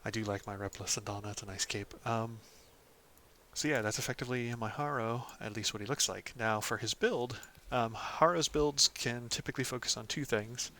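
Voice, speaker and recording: Bright-voiced man walking through a game build. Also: medium pitch, moderate pace, slight background noise. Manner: relaxed, lots of ums and "of course". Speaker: gaming channel host. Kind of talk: casual game guide walkthrough.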